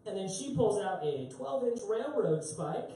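A young man does live stand-up on a small club stage, telling rambling, self-mocking stories and laughing at himself. His voice sits high with big pitch swings, a measured pace and a warm tone. His handheld mic is picked up by a far-off camera, giving a roomy echo, distant live sound and a little hiss or hum.

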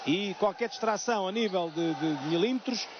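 A muffled broadcast with heavy noise around the voice. A man with a European Portuguese accent analyses the match in a high register. He speaks haltingly and repeats words to stress his points. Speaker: co-commentator, analyst. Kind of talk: tactical sports analysis.

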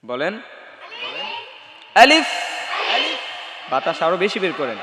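A man's voice: high voice, moderate pace, bright, forceful tone. A man teaching a class how to pronounce the Arabic letters, sounding each letter out and having the students repeat it. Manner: drills letters aloud, repeats sounds, prompts students to say them again. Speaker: Quran recitation teacher. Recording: echoey room with music underneath.

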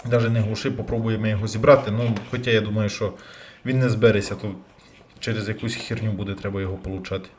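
A man commentating his own gameplay, bursting into loud curses and then dropping to quiet muttering. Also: lowish voice, level tone, a little hiss or hum. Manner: loud outbursts and heavy swearing; jumpy, rapid switches between yelling and muttering. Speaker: let's play gamer.

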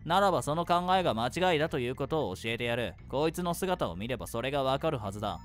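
A man voicing a stern male wolf mascot who runs a death game, gruff and commanding, with lively pitch. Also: fast, faint music behind, natural voice. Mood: menacing.

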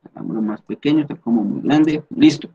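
A man's voice: fairly high pitch, a little fast, warm tone, dull audio. A man teaching English in Spanish, explaining step by step, checking in often and correcting himself as he edits on screen. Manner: patient, step-by-step explaining with frequent check-ins; thinks aloud and corrects himself while editing on screen. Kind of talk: online lesson explained in Spanish.

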